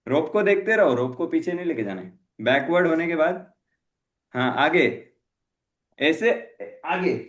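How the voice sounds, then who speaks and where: A man's voice: a little high, expressive, a little slow, fairly bright tone. Echoey man coaching a class. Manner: mixes Hindi and English, repeats short commands. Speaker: jump rope coach. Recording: echoey room.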